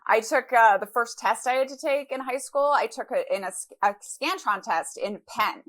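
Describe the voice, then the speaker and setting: A woman's voice: fairly high pitch, normal speed, fairly bright tone. A woman in her thirties from Brazil, a guest author talking candidly in a casual interview with frequent fillers. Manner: candid, reflective, many fillers.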